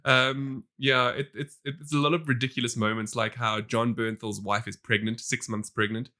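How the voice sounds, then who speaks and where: A man co-hosting a podcast in casual chat, animated, laughing often and restarting his sentences. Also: medium pitch, normal speed. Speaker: podcast co-host.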